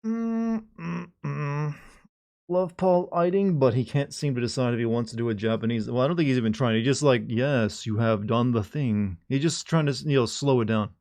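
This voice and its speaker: A man's voice: mid-range voice, brisk, darkish tone. A man giving casual gameplay commentary as a streamer, rambling along in a wry way. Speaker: game streamer.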